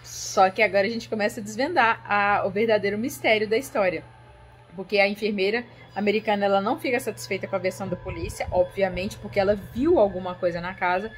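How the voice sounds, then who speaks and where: A woman's voice: mid-range voice, steady tone, fast, a little hiss or hum. A woman casually talking her viewers through a horror film, chatty and direct, often checking in with them. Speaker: YouTuber reviewing a horror film. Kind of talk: casual film commentary vlog.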